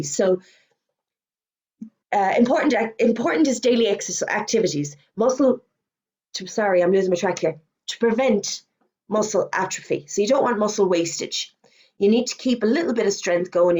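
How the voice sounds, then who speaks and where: A middle-aged Irish woman, a fitness instructor, gives a webinar presentation in a chatty style full of quick asides and self-corrections. Her mid-range voice has a darkish tone, and she's losing it, turning hoarse as she talks.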